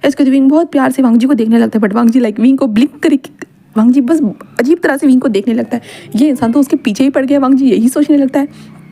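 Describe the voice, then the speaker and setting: Brief: woman storyteller, quick lively narration, soft dark tone. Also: sits high. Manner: lively, acts out every character. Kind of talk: fan fiction story narration.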